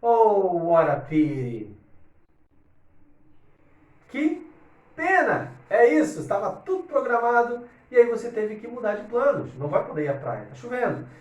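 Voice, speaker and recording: A man's voice: very high voice, sing-song, normal speed. A man teaching an English lesson to Portuguese speakers, explaining step by step and often checking in with his students. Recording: echoey room, distant from mic.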